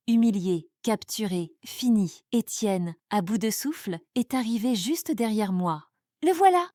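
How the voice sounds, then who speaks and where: Woman storyteller, suspenseful first-person drama, mid pitch, dry close read. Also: warm tone, no room sound. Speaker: narrator.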